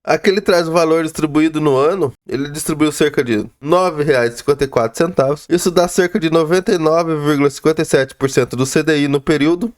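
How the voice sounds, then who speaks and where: A man's voice: fairly high pitch, fast, few pauses. A Brazilian man with a sore throat and a head cold, slightly slurred in diction, giving informal commentary on a financial report as a video host. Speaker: YouTube host reviewing real-estate funds.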